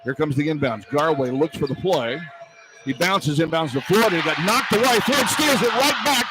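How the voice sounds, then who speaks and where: Courtside in a college basketball arena, a man calls live radio play-by-play in clipped running phrases that build with the action, his voice rising to shouts on big plays. It's a little high, with lively intonation at a normal speed, and the live broadcast carries faint arena ambience and background noise.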